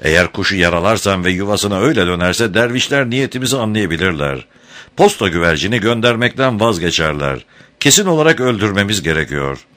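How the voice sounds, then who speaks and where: A man voicing a calm, commanding army captain who speaks in short, steady sentences, in an audiobook reading. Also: on the low side, a little fast. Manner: calm, clipped. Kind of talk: audiobook character voice.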